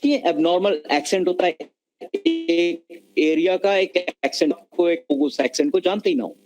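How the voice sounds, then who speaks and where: A man's voice: high voice, animated, normal speed, darkish tone, rough recording. A man giving an online lecture on communication skills, explaining patiently and mixing Hindi and mid-sentence over a video call. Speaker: webinar lecturer.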